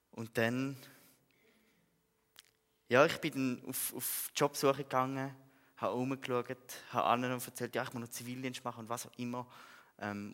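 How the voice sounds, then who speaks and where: A young man with a Swiss German accent giving an earnest church testimony, telling his story with soft chuckles and emphatic bursts. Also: mid-range voice. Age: young adult. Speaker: speaker giving a personal testimony. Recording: long reverb of a large hall.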